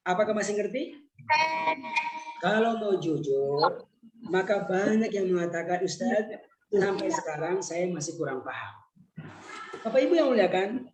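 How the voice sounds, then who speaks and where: A man teaching a Quran lesson in an online webinar, putting questions to his listeners and slowing right down when he recites. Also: high-pitched, echoey room. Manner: questions the audience, slow drawn-out recitation. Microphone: video call.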